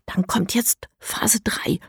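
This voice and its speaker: A woman voicing scheming children in a hushed, hissing whisper, whispered role-play in a storybook. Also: slow pace, no echo, clean studio sound, close to an everyday voice.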